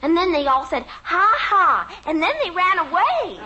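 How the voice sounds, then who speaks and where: On an old radio recording with faint noise and lo-fi sound, a woman does a full character voice of an earnest, plaintive little American girl who fibs evasively, in a 1950s radio sitcom. Her voice is very high-pitched, bright and forceful, with big pitch swings at a normal speed, and her manner is childlike.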